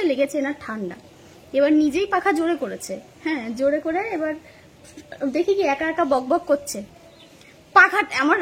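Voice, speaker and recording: Brief: woman vlogger, high voice, chatty homey storyteller, faint room hum. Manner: chatty, storytelling, laughing often. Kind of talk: casual chat to viewers while cooking. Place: home kitchen.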